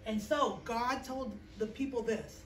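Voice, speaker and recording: A woman with a high voice tells a Bible story to children, acting it out with big energy and checking in with the kids as she goes. She is middle-aged. The sound comes from a far camera in a small classroom, roomy and echoey, with a faint hiss underneath. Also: unhurried. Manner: lively, acts out the story with gestures, checks in with "okay?". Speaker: children's chapel teacher. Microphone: far camera, no visible mic. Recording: roomy echo, distant camera.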